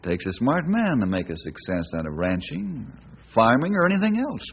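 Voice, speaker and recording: An actor playing a friendly, helpful ranger hero with a husky voice and hearty, neighborly manner in a radio western. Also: male voice, mid-range voice, huge pitch swings, normal speed, full character voice. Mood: reassuring. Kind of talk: old time radio western acting. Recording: dull old radio recording.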